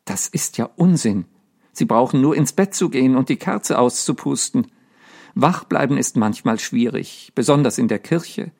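A man's voice: mid-range voice, animated, gravelly, a little mellow. A man voicing a pert young American girl. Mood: matter-of-fact. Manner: brisk, matter-of-fact, cheeky.

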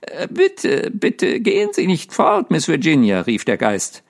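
A man's voice: huge pitch swings, full character voice. A man voicing a sad, sleepless centuries-old male ghost who speaks in a dreamy, plaintive way. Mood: pleading. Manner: dreamy, plaintive, higher and slower.

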